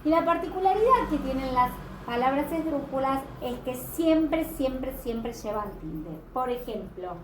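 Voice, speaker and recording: A woman teaching a grammar lesson patiently, slowing down to stress example words. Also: high voice, animated. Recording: echoey room with background noise.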